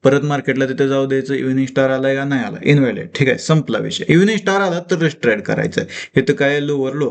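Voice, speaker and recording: A man runs a live trading class at a mid-range pitch. He fires short questions and answers them himself, repeating key points again and again. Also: fast talker, gravelly, hardly any pauses. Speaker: trading teacher. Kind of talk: live teaching session.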